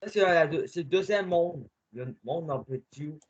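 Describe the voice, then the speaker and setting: Man, gaming commentary, bouncy voice swinging all over, dull lo-fi sound. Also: on the high side. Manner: excitable, quick swings between muttering and shouting. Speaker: gamer playing with a friend.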